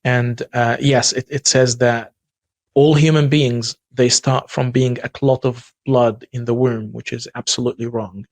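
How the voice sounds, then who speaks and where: An Egyptian human rights activist, a native Arabic speaker with an Egyptian accent, is a guest in an interview conversation. He speaks earnestly at a measured pace, his medium-pitched voice staying fairly flat, and he often restarts sentences and repeats words. The recording is dry.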